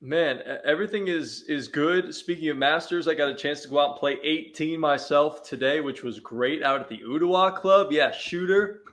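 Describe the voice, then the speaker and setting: A man's voice: a little high, normal speed, hardly any pauses, a bit bright. A man chatting as a guest on a sports talk show, telling easygoing stories with frequent restarts. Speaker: sports radio host, guest. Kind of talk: casual chat.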